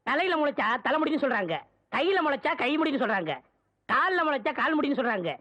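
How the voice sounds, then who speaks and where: An actor playing a naive, simple-minded young village lad who whines out silly questions in a film comedy. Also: male voice, very high voice, sing-song, fast talker, sharp tone, exaggerated voice. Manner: whiny, innocent questioning. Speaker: film character.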